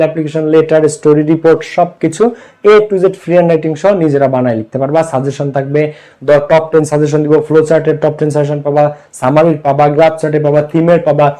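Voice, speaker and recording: Young Bangladeshi male tutor, high-pitched voice, Bangladeshi accent, quizzes the class and answers himself. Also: warm tone. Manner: asks the class questions and answers them himself. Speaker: English teacher. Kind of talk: online class lecture.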